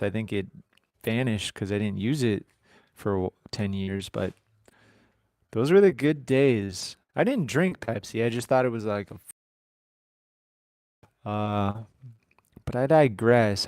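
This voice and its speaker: A man in his thirties hosts a casual live stream while working outdoors on his farm. His voice sits in an ordinary middle pitch and the sound is dry, with no room echo. He rambles from topic to topic and keeps throwing joking asides to the people watching. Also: normal speed, pauses often, darkish tone. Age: 30s. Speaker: livestream host.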